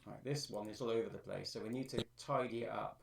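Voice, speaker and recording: A man's voice: lowish voice, fairly even intonation, fast talker, vocal fry, roomy sound, far from the mic, background noise. A man on a live stream, thinking aloud as he explains how he edits his own vocal track. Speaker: streamer and amateur music producer. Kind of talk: live-stream tutorial talk.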